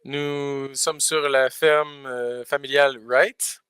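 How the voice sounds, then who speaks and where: Hesitant male interpreter, smooth voice. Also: medium pitch, steady tone, slow pace, fairly bright tone, dry recording, studio quality. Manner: hesitant, many fillers and restarts. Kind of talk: live spoken interpretation.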